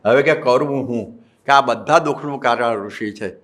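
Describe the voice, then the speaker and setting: Male monk, Gujarati accent, sermon storyteller, quotes and verses, mid-pitched voice. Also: moderate pace, fairly bright tone. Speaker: monk preacher. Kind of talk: Gujarati religious discourse.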